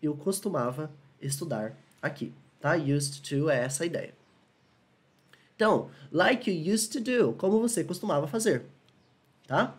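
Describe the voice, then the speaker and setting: A male English teacher speaking with a Brazilian Portuguese accent delivers a casual, upbeat video lesson in a fairly high, animated voice. He keeps asking viewers if they agree and slows down whenever he gives English examples.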